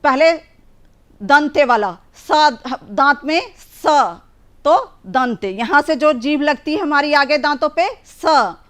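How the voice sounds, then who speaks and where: Slow, patient, high-voiced woman teacher. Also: fairly bright tone. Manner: slow, patient, drawing out sounds for children. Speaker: primary school teacher. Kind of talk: children's Hindi lesson.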